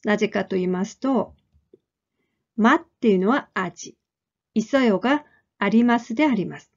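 A woman teaching a language lesson, speaking clearly and deliberately and repeating model phrases. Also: medium pitch, darkish tone, highs cut off. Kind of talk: slow, careful lesson explanation.

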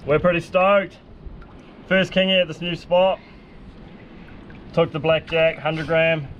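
A man with a broad Kiwi accent and a slightly high voice, talking in casual slang like an angler filming his outing. The recording is outdoors by the water, with clear wind and background noise. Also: steady tone, takes it slowly, fairly bright tone, dull audio. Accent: New Zealand. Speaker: angler presenting a fishing video. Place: outdoors on coastal rocks by tide pools.

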